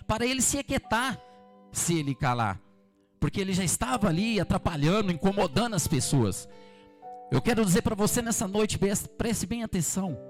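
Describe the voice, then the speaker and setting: A man with a Brazilian Portuguese accent preaching an evening church sermon, fervently repeating his calls to the congregation. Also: high-pitched. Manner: fervent, repetitive exhortation addressing the congregation. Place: church service.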